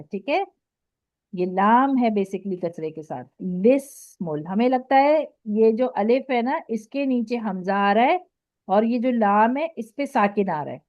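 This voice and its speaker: A woman with an Urdu accent teaching Quran recitation rules in an online lesson. She explains patiently, keeps checking with "okay", and recites her examples slowly. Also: fairly high pitch, a little mellow, no room sound. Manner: slow drawn-out recitation of examples. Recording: dry, dull lo-fi audio.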